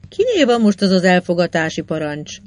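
A reader voicing a slow, sleepy older man who speaks gruffly and hoarsely, easily astonished. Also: mid-range voice, huge pitch swings. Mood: hushed, eager. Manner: gruff, hoarse, drowsy remarks. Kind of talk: audiobook character reading.

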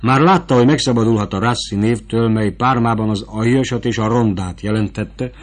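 A male audiobook narrator with a fairly low voice, reading scripted prose at a steady, even pace. His delivery stays level and clear throughout.

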